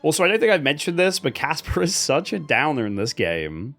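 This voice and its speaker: A man narrates his playthrough of a video game with dry, sarcastic humor, laughing at its oddities. His pitch swings widely as he talks. Soft game music plays faintly behind him. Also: sing-song, fairly quick, creaky. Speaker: gaming video host. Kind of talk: comedic gameplay commentary voice-over.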